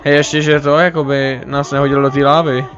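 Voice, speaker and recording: Young man gaming on a dull lo-fi mic. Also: medium pitch. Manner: relaxed, calls out tactics, says dude a lot. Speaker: gamer. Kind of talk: casual gaming chat.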